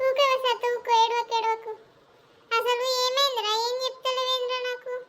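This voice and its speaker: A woman with a Telangana accent playing a scheming village mother-in-law who complains loudly. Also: very high voice, flat delivery, moderate pace. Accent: Telangana Telugu. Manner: loud, scolding and complaining. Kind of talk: village comedy skit acting.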